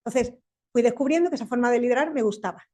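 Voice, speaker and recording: A woman in her fifties with a Spanish accent, speaking on a panel as a tech company executive, animated and quick, laughing often and restarting her sentences. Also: fairly high pitch. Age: 50s. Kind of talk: panel discussion.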